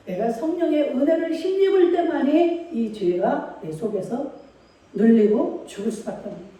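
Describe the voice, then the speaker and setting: A woman's voice: high voice, expressive, moderate pace, mellow. A woman preaching a sermon in a church, speaking emphatically and putting rhetorical questions to the congregation. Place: church sanctuary. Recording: echoey church hall, mic far off.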